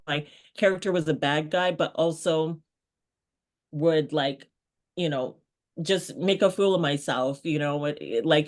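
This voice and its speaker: Animated woman chatting as interview guest. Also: low-pitched. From Canada. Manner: animated, laughs often, acts out quoted voices. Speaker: guest, brand strategist. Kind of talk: casual interview chat.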